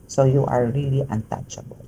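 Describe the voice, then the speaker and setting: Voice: mid-range voice, steady tone, normal speed, background noise. A tarot reader with a Filipino accent gives a casual spoken reading, chatty and full of tag questions and fillers.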